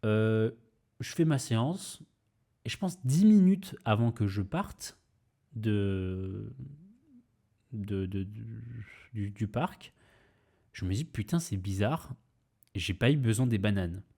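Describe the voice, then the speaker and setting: Young guy rambling through a story on his podcast, lots of euh and restarts, lowish warm voice. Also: slow, pauses often. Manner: rambling, many fillers and restarts, mild swearing. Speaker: podcast host. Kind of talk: casual storytelling.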